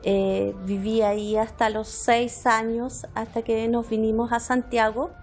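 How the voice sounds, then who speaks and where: A woman's voice: a little high, flat delivery, a little slow, faint music behind. A woman in her fifties from Chile, a parliamentarian guest, telling personal stories in a reflective, hesitant way. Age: 50s. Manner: warm reflective storytelling, frequent hesitations. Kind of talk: conversational interview.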